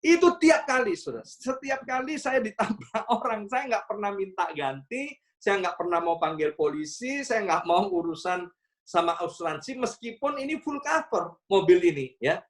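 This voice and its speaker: Animated storytelling pastor, man. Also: normal speed. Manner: storytelling, acts out dialogue with sudden high bursts; mixes English phrases into his talk. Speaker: senior pastor. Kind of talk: conversational sermon.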